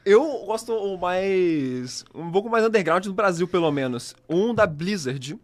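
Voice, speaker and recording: A young man from Brazil, a podcast co-host telling animated stories with laughter in casual chat. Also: high voice, measured pace. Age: young adult.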